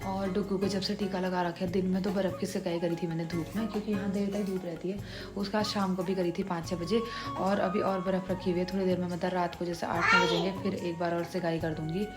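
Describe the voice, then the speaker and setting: A woman's voice: fairly low pitch, little pitch movement, quick pace. A woman in her twenties from the Uttarakhand hills with a Pahadi Hindi accent, chatting homely and step by step through her family's day in a vlog. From Uttarakhand hills, India. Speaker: family vlogger. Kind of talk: casual daily-life vlog narration. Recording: background music under the voice.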